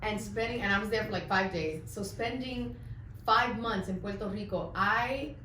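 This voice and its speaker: Effusive actress, bright tone, roomy room. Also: female voice, mid-range voice, moderate pace. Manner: effusive, laughing. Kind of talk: press junket interview. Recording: roomy with faint noise.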